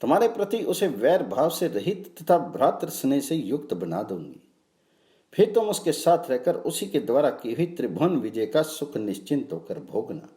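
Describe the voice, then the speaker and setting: A gentle mother goddess pleading, read by a man. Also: medium pitch, very animated, normal speed, roomy sound, natural voice. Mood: tender.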